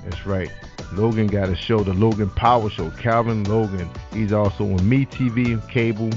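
A man hosting a casual online radio talk show, animated, with lots of shout-outs and "that's right". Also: on the low side, moderate pace. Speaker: podcast host. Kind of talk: casual internet radio chat. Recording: dull lo-fi sound with faint music.

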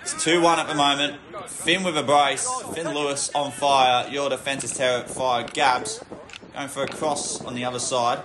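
A man giving football match commentary in measured phrases that lift with the play. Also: mid-range voice, little pitch movement, crowd noise. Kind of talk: sports commentary. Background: music.

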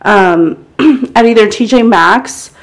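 A woman's voice: on the high side, slow pace. Chatty young woman vlogging. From Texas. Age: young adult. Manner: chatty, filler-heavy, upbeat. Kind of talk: casual vlog chat. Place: parked car, then small bedroom doorway.

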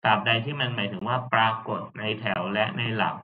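Male lecturer, low voice, chatty teaching manner, phone-thin recording quality. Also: a little fast. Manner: chatty, checks understanding with frequent tag questions. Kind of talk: casual lecture on game theory. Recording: tinny phone-like audio.

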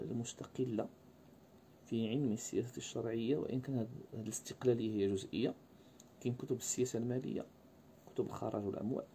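Dark-voiced man giving a lecture. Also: lowish voice, vocal fry, slight background noise. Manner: fillers and restarts, rhetorical questions to students. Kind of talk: university-style lecture.

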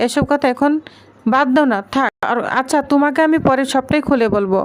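A woman reading the lines of a mild young husband calming his wife. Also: sits high, brisk, close to an everyday voice. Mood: placating.

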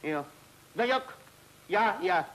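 A man's voice: sits high, lively intonation, slow, noisy background. An actor playing a fretful man who rambles and stammers, in 1930s film comedy style. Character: fussy flustered Austrian man, anxious about travel.

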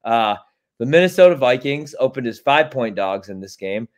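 An American man in his thirties, a guest sports betting analyst, chats casually on a podcast over a video call from his home kitchen. His mid-range voice is expressive at a moderate pace, and he's blunt and rambling with plenty of swearing.

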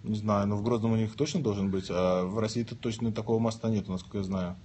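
Lying in bed with his phone held at arm's length, a livestream host in his thirties reads viewer questions out loud and answers with jokes in casual chat. His voice is low-ish and mellow, steady in tone and quick in pace, over a little hiss or hum.

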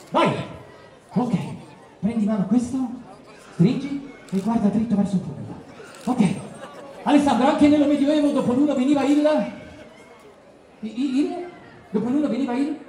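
High-voiced teasing showman. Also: dark tone, very echoey. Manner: teasing, playful showman, mock-grand announcements. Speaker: street performer and juggler. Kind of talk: comic street show patter with a child volunteer. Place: outdoor town square at a festival. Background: crowd of onlookers.

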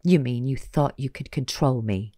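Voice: mid-range voice, normal speed, mellow, no room sound, studio quality, natural voice. A reader voicing a young female cadet who answers with fierce, clipped defiance. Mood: defiant.

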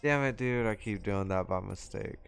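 A man's voice: fairly low pitch, normal speed, vocal fry, background noise. A man from Arkansas streaming a video game, laid-back, laughing often and swearing casually. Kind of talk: casual gaming chat.

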